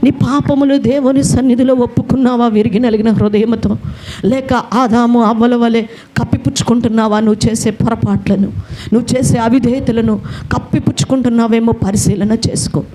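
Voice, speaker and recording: A woman's voice: on the high side, steady tone, a little fast, warm tone. A woman preaching a sermon in Telugu-accented speech, fervent and speaking straight to her listeners, repeating words for force. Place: prayer hall.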